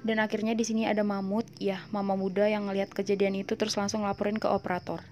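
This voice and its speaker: Casual female film-recap narrator, mellow and chatty, faint background noise. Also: mid-range voice, level tone, fast talker. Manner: chatty, slangy, joking asides.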